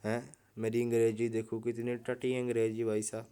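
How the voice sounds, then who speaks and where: A young gaming YouTuber jokes and chats his way through mobile gameplay, repeatedly saying "bhai sahab." His voice is medium-pitched, mellow, and smooth, with a completely flat delivery at a moderate pace.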